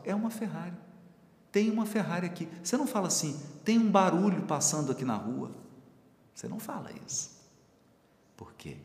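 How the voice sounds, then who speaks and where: A man's voice: fairly high pitch, vocal fry, a little mellow. A man teaching a Bible study, explaining with everyday examples and asking his listeners questions. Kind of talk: spiritual teaching talk. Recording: echoey hall with faint room noise.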